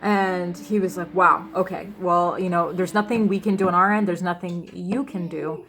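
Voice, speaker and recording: A woman's voice: on the low side, fairly even intonation, moderate pace, fairly bright tone. A young woman vlogger upset and rambling as she recounts a personal ordeal at home, full of restarts and fillers. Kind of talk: emotional personal storytelling.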